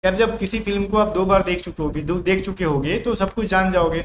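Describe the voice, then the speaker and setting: High-voiced man teaching English vocabulary. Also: fairly quick. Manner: explains by acting out everyday scenes, asks rhetorical questions. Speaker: exam-prep English teacher. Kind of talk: casual classroom-style lecture. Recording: echoey room with faint background noise.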